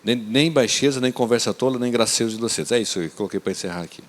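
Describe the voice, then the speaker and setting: A man, preaching a church sermon with emphatic, raised appeals and soft asides. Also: medium pitch, fast. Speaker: pastor. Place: church service. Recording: reverberant church hall.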